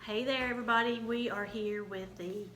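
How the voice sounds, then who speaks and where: A woman co-hosting a casual home cooking show, enthusiastic and quick to laugh. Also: a little high, steady tone, a bit bright, roomy sound, slight background noise. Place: home kitchen.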